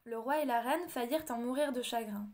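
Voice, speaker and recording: A woman narrating a storybook audiobook in a measured, expressive read-aloud manner. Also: on the high side. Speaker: audiobook reader.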